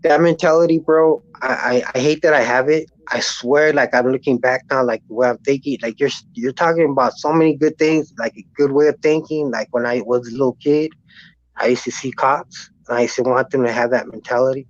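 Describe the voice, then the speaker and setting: A man's voice: medium pitch, steady tone, a little fast, dry recording. A man calling in by cell phone, talking bluntly in a streetwise way, stumbling and restarting often. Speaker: caller. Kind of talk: casual call-in chat. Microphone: cell phone call. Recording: muffled phone call.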